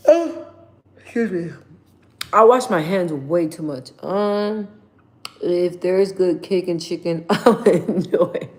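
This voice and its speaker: A woman's voice: on the low side, takes it slowly, a little mellow. A woman in her thirties chatting casually with viewers on a livestream from her mother's house, rambling with lots of fillers and slang. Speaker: livestream host.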